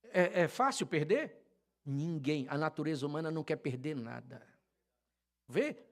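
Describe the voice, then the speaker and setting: An older Brazilian man preaching a sermon as a pastor, fervent, swinging from loud shouted calls to quiet storytelling. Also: a little high, lively intonation, measured pace. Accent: Brazilian Portuguese. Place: church.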